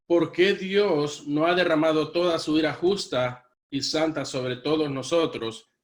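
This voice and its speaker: A man preaching a sermon as pastor, earnest, repeatedly addressing his congregation as brothers. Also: on the high side. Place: church.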